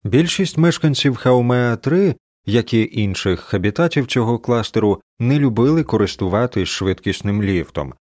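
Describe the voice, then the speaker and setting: Brief: male narrator, animated lilting delivery, mid pitch, dry close mic. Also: moderate pace, few pauses, no room sound. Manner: expressive storytelling. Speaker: audiobook narrator. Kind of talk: scripted narration.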